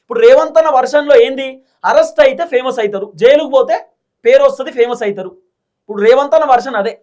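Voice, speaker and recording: Rapid, very high-voiced Telangana man. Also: darkish tone. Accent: Telangana Telugu. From Telangana, India. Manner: combative, fires rhetorical questions. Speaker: political commentator, channel host. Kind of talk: political commentary monologue.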